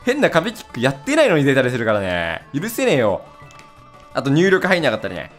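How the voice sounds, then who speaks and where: A young man reacts to his gameplay in a quick, lively rush, his pitch bouncing high and low. He talks rough and playful, scolding the screen in jest. Faint game music plays behind him. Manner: excitable, blurts rapid reactions and laughs; rough casual talk, playful mock scolding. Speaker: gaming video host. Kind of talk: let's-play commentary.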